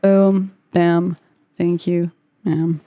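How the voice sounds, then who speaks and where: A woman's voice: on the low side, flat delivery, extremely slow, dark tone, no echo. A woman chatting casually and rambling as she builds a beat, with lots of "like" and playful asides. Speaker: music producer. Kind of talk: casual vlog commentary while making a beat.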